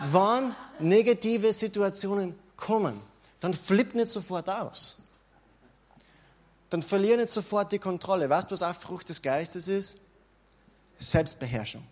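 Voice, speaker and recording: Passionate preacher with a fairly high voice. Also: male voice. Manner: passionate preaching, swings from quiet to loud proclamation; addresses the congregation directly with call-and-response prompts. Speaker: pastor. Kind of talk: sermon.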